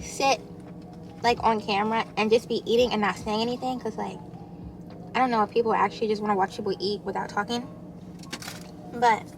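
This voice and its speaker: A woman's voice: fairly high pitch, fairly bright tone, slight background noise. A young woman chatting casually with the camera while eating, chatty and loose, full of fillers. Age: young adult. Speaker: vlogger. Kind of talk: casual mukbang chat.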